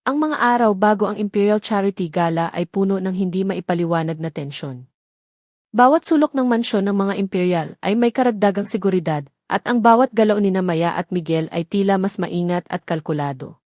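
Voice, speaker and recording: A woman with a Filipino accent narrates a scripted dramatic story in a mid-range, darkish voice at a fairly quick pace. The recording is dry and clean, with studio sound.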